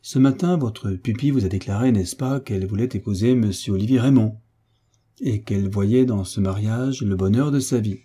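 A man voicing a calm, patient hunchbacked marquis in an audiobook, explaining things soothingly. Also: on the low side, normal speed, slightly rough.

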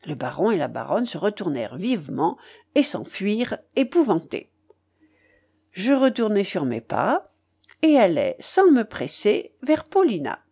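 Woman audiobook narrator, unhurried, warm-toned, lively melody. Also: medium pitch, breathy edge. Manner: measured, expressive storytelling.

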